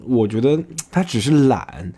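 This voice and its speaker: A man from Chengdu co-hosts a relaxed podcast chat. He teases the others and laughs easily, his voice sitting at an ordinary middle pitch. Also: a little slow, slightly rough. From Chengdu, China. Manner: playful, laughs often, teasing. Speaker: podcast co-host. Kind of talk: casual chat.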